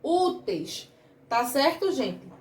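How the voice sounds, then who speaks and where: A woman teaches a grammar lesson to children extremely slowly, her high voice swinging widely in pitch as she patiently asks questions and elongates key words. She has a Brazilian Portuguese accent and sits far from the mic in an echoey room.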